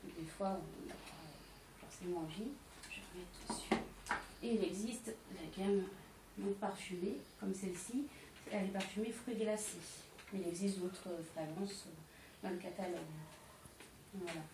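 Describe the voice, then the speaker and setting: At a home party, a woman sells candles to guests, going through each product step by step and hesitating often. Her voice is medium-pitched and measured, picked up by a distant mic in an echoey room with faint noise.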